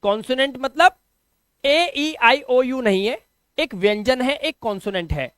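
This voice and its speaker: A man's voice: extremely high pitch, expressive, a little slow, fairly bright tone, dry recording. A man teaching English pronunciation rules step by step, repeating key sounds and quizzing the viewer as he goes. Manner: patient, step-by-step explanations. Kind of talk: classroom-style lesson.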